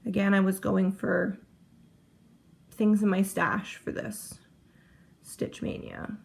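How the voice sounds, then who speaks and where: A woman's voice: mid-range voice, level tone, slow pace, vocal fry, darkish tone. A woman chatting casually to camera about her cross-stitch project, rambling and often breaking off mid-sentence. She is heavily pregnant. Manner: chatty, rambling, self-interrupting.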